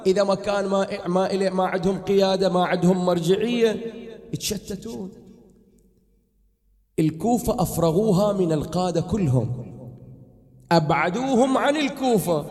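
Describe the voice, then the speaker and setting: A man's voice: high-pitched, a little mellow. A man preaching a Muharram night sermon, impassioned and rising to near-chanted emphasis. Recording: long reverb of a large hall.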